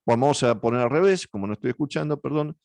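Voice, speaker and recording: A man with an Argentine Spanish accent walks a workshop through a program step by step, often pausing and correcting himself. His voice sits at an ordinary middle pitch. The recording is dry and close, with little room sound. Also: expressive, gravelly, a little mellow, no room sound. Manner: hesitant, many fillers and self-corrections. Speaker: workshop instructor. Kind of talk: software tutorial walkthrough.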